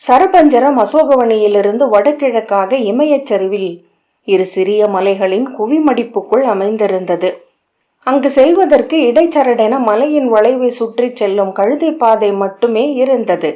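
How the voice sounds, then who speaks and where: A woman narrating a literary novel as an audiobook, reading in a measured, literary way. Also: on the high side, dark tone.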